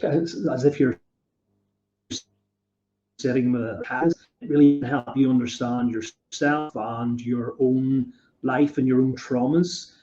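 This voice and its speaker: A podcast host interviews his guest in a relaxed, mellow, mid-range voice at a measured pace. He rambles eagerly, stacking up fillers on the way to each question. The audio sounds dull and roomy, like an echoey room.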